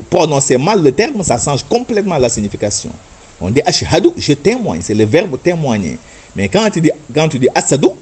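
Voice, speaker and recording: Husky-voiced man teaching religious pronunciation. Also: fairly high pitch, a little mellow. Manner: patient, explanatory, demonstrates chanted Arabic words and repeats "n'est-ce pas". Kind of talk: religious instruction talk.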